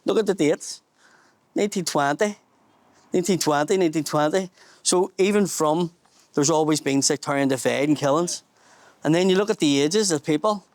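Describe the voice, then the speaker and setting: A man's voice: fairly high pitch, normal speed, darkish tone, no room sound. A man with a Belfast accent leads a casual outdoor tour, holding a small handheld mic. He tells local history bluntly and swears freely. The sound is dry and close. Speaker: tour guide and comedian host. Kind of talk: casual guided tour chat. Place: outdoors at a memorial garden in a housing estate.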